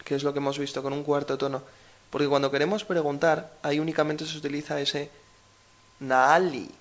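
A man's voice: on the high side, completely flat delivery, fast talker, highs cut off. A man with a Spain Spanish accent co-hosting a language lesson, explaining patiently with everyday examples. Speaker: language teacher co-host.

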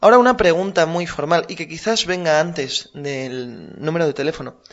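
Man, language teacher, patient, slow drills, slightly high voice, dull lo-fi sound. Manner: patient, drills pronunciation slowly. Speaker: Chinese teacher. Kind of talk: language lesson.

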